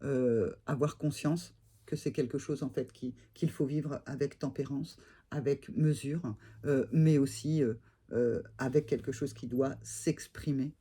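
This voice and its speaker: A man giving a gentle, reflective tarot reading and spiritual advice, hesitating often with filler sounds. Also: mid-range voice, steady tone, a little slow, husky. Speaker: tarot reader.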